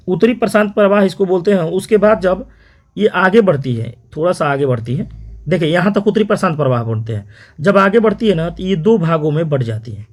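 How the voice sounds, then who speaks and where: A man teaching an exam-prep geography lesson, repeating terms and quizzing listeners with quick questions. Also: on the high side, a little mellow. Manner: repetitive question-and-answer drilling, frequent "theek hai".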